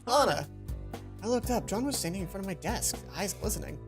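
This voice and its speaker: In this let's play, a woman with a medium-pitched, gravelly, somewhat dark voice reads a visual novel's story aloud at a quick, animated pace. She acts out the dialogue dramatically, stumbles, and drops casual remarks about her own slips, with game music playing under her voice.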